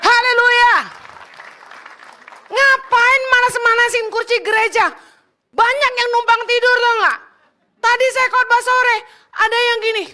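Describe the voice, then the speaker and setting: A woman pastor preaching with a very high voice and a bright, sharp edge. She is blunt and fiery, mixes jokes with scolding, and drops into casual street slang. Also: flat delivery, a little slow, pauses often, a faint crowd, a little hiss or hum. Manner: scolds the congregation loudly. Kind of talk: sermon.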